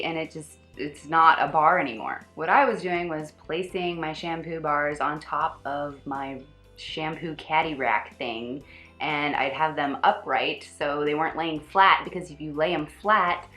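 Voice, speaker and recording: A woman's voice: fairly low pitch, fairly bright tone, echoey room. A woman chatting casually in a product review vlog, with wry, sarcastic asides.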